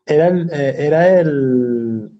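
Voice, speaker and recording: A man hosting a casual live video chat, relaxed and talkative, with some mild swearing. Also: fairly high pitch, takes it slowly, highs cut off, a crowd in the background. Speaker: host.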